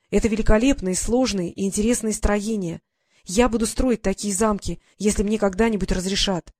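A woman's voice: mid-range voice, darkish tone, no room sound, clean studio sound, lightly acted. A woman voicing an earnest, talkative teenage boy who explains things at length.

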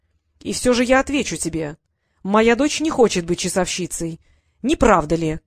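A dry studio reading in which the reader voices a haughty older nobleman who speaks coldly and deliberately. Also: medium pitch, lively intonation, no room sound. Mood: rising anger. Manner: cold, measured, rising to anger. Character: haughty older male council lord.

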